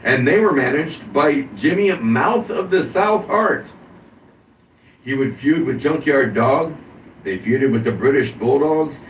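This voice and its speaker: A man talks through a wrestler's life on a casual podcast. He reads the recap and breaks off for asides. His voice sits at a middle pitch and comes from a dull, distant mic with faint hiss in a roomy space. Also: lively intonation, measured pace. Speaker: podcast host.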